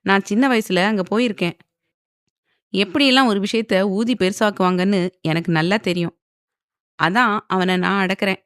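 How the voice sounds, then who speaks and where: A woman's voice: medium pitch, normal speed, a bit bright, no room sound, clean studio sound, close to an everyday voice. A woman voicing a composed young sister-in-law who speaks firmly, in an audio novel. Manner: firm.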